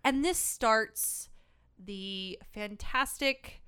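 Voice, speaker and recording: Expressive woman podcast co-host, smooth voice. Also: a little high. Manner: lively, expressive, quick to laugh. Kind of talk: casual film discussion.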